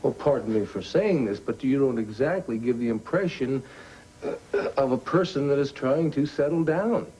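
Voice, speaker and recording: An actor playing a candid male friend giving advice in a soap opera, with a husky voice. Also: medium pitch, expressive, normal speed, dark tone, poor audio. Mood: earnest, tactful.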